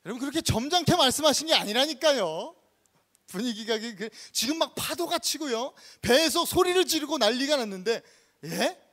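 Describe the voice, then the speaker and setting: A male pastor giving an animated storytelling sermon in a church, acting out the scenes he tells. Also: extremely high pitch, a little fast. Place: church sanctuary.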